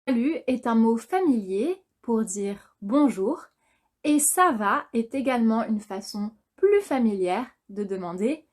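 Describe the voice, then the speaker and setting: Slow, careful French teacher woman. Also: a little high, animated, a little mellow. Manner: speaks slowly and carefully, repeats model phrases for learners. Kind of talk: slow, clear language lesson.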